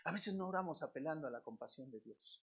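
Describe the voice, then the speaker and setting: A Mexican pastor preaching a sermon to his congregation in a conversational way, swinging between loud emphatic lines and quiet low asides, asking questions and repeating words. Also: animated, fast talker, breathy edge. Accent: Mexican Spanish.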